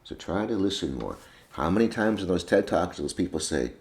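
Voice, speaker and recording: A man's voice: sits low, animated, brisk, a little mellow. A man giving an informal, conversational lecture to a group of veterinary students. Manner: folksy, conversational, repeats points. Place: conference room with students. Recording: echoey room with faint ambience.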